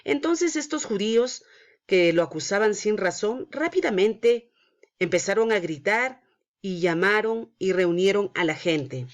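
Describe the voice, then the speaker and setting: A woman teaching a Sunday school class for children, retelling a Bible story in a calm, explaining way. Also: medium pitch, a little slow, dull audio. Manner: prays then narrates a Bible story to children.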